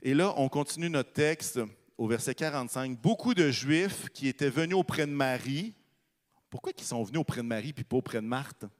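Speaking into a mic in a large, echoing space, a Québécois-accented man delivers a chatty sermon, reading from scripture and putting questions to the audience with animation. His pitch is medium and his speed normal.

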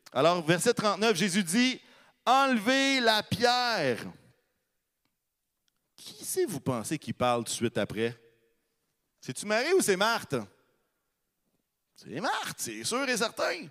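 A man's voice: high voice, in a large hall. A man with a Québécois accent preaching a conversational sermon into a microphone, reading scripture and asking the audience questions. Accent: Québécois French. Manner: animated, asks the audience questions.

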